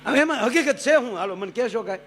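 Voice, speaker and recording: A man telling folk stories on stage, lively and joking, switching between voices. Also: very high-pitched, quick pace, a little hiss or hum. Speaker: folk storyteller. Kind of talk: live humorous folk storytelling.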